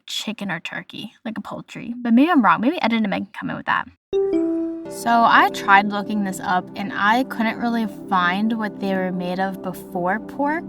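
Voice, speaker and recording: A young woman from the United States hosting a casual solo podcast, chatty and stumbling over foreign words. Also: mid-range voice. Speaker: podcast host. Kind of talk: casual solo podcast, listing food facts.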